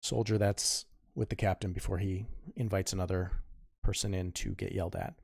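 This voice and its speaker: Casting: man in his 50s, deep gravelly voice, dry close sound, rambling artist talking through his drawing. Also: fairly even intonation, normal speed, darkish tone, dry recording. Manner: rambling, self-correcting, mutters to himself. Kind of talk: casual tutorial chat while drawing.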